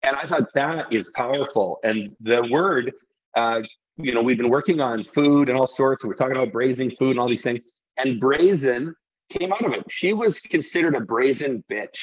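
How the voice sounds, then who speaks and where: Husky middle-aged man, rambling and earnest. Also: medium pitch, moderate pace, highs cut off. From Iceland. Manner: rambling, restarts often, earnest. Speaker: restaurant and brewery owner. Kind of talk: casual interview talk.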